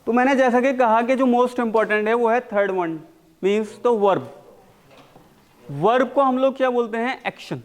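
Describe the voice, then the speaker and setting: A man teaching a spoken English class, mixing Hindi and English and slowly repeating words for his students to copy. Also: extremely high pitch. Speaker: English communication coach.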